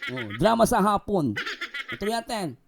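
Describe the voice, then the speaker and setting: A man's voice: high voice, very animated, normal speed, vocal fry, noisy background. A man hosting a reaction video, commenting casually and jokingly with lots of fillers. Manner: chatty, joking, many fillers like oh and di ba. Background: background music.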